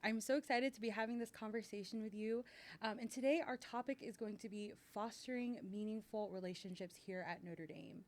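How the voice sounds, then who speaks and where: A woman's voice: medium pitch, a little mellow. A woman who works in university admissions, moderating a student panel in an upbeat, welcoming way.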